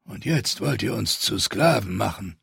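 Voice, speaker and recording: In a dry audiobook reading, a man plays a bitter old refugee who lays out his grievances in a resentful, accusing tone. The voice sits somewhat raised with a husky edge. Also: lowish voice, animated, measured pace, fairly bright tone, no echo, exaggerated voice.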